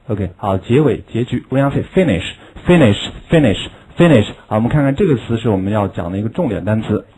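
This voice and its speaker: A man teaching an English lesson in a recorded video class, explaining patiently with rhetorical questions and drilling each word by saying it slowly several times. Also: on the low side, animated, mellow, husky, low-quality recording.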